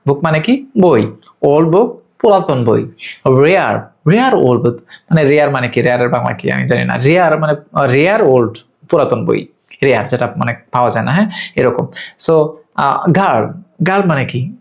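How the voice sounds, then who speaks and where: A man giving an online English course, drilling words slowly and repeatedly with frequent filler pauses, and candidly admitting what he does not know. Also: a little high, vocal fry. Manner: candid, admits gaps in his own knowledge. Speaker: English teacher.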